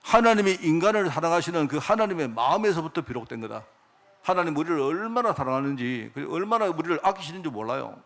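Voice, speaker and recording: A middle-aged male pastor preaching a sermon. He keeps asking the congregation questions and answering them himself, and he drops to a quiet aside at the ends of phrases. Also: fairly high pitch, big pitch swings, fast.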